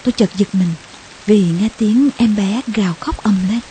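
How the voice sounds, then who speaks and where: A woman narrating a memoir audiobook in a slow, soft, emotional way, with passages dropping to a hush. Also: medium pitch, fairly even intonation, slight background noise, rough recording.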